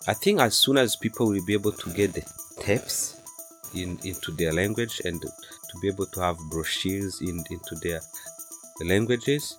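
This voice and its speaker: A man in his thirties from Rwanda, a native Kinyarwanda speaker, answering interview questions softly and hesitantly with many fillers. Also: low-pitched, normal speed, soft background music. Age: 30s. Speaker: interview guest.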